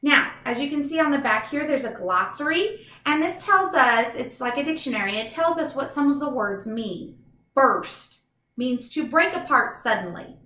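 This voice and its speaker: With lively intonation at a normal speed, a female teacher reads a children's book in an echoey room. Her voice is bright, higher-pitched and enthusiastic, and she addresses young children directly, teaching as she goes with chatty explanatory asides.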